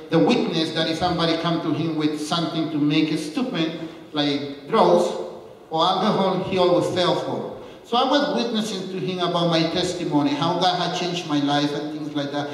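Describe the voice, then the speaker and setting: Male preacher with a high voice who tells stories earnestly, recorded from a distance in a roomy hall. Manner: earnest storytelling, quotes the speech of others. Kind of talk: sermon. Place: church. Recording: echoey hall from far off.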